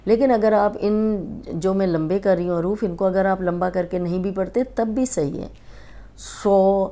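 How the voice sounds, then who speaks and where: Woman with a Pakistani Urdu accent, patient tajweed teacher, mellow and smooth, drawn-out letters. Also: mid-range voice. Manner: patient, repeats and stretches each letter sound. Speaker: Quran reading teacher.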